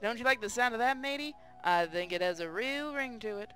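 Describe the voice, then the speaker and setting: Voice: medium pitch, animated, a little fast, fairly bright tone, soft background music, close to an everyday voice. A man voicing a boastful, gleeful young female pirate captain, reading a visual novel with theatrical, triumphant declaiming. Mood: gloating. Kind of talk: hobby visual novel read-aloud.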